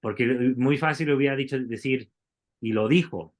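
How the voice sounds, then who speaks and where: A man's voice: medium pitch, moderate pace. A man teaching a Bible Greek class, explaining step by step and asking the students questions. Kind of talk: classroom lecture.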